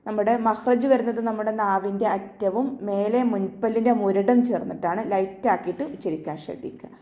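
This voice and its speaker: Woman teaching quran recitation online, calm and patient, step by step. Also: medium pitch, a little fast. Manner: patient step-by-step instruction with gentle reminders. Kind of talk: online tajweed lesson.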